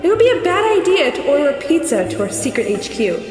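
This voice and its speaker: A woman's voice: high-pitched, big pitch swings, quick pace. A woman voicing a scheming female villain who bosses people around with exasperated outbursts, heard in an echoey room with music. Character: scheming female villain mastermind, ill-tempered. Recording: roomy echo with music behind.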